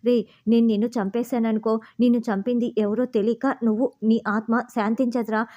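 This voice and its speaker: A woman's voice: a little high, flat delivery, fairly quick, dark tone, dull audio, natural voice. A woman reading a furious hot-headed young man.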